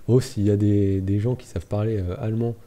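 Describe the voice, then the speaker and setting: A man's voice: lowish voice, flat delivery, moderate pace, dark tone. A man casually commenting on his strategy game as host of a let's play, talking to himself with many fillers. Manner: mumbling to himself, lots of ok and euh.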